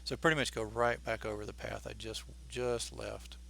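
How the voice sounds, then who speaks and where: A man's voice: lowish voice, little pitch movement, normal speed, vocal fry, a bit bright, a little hiss or hum. A man giving casual, think-aloud commentary as the pilot in a flight simulator game. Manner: informal, thinking aloud while flying.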